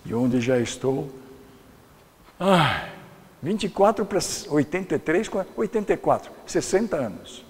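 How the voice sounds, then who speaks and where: A man's voice: on the high side, lively intonation, unhurried, breathy edge, in a large hall. An older man, a pastor, giving a folksy sermon lecture that rambles and searches for words.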